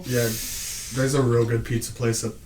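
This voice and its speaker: A man's voice: medium pitch, flat delivery, a little slow, a little mellow. A young man co-hosting a podcast in casual, rambling chat with lots of fillers. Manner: laid-back, rambling with many fillers. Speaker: podcast co-host. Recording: echoey room with faint noise.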